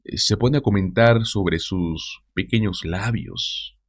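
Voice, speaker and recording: A man's voice: fairly low pitch, slow. A man hosting a news commentary show, talking straight to his viewers with mocking asides.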